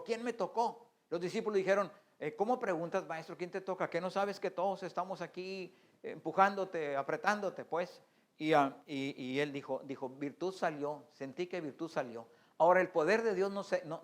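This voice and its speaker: A man preaching a sermon in earnest, with a voice sitting a little higher than most men's. He often restarts his sentences and stumbles over words as he goes. He speaks as the pastor at an online church service.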